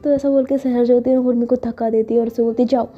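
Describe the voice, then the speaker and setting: Woman storyteller, casual chatty retelling; dark mellow voice, dull lo-fi sound. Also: fairly high pitch, level tone, fast talker. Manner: chatty, filler-heavy retelling. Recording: dull lo-fi with faint music.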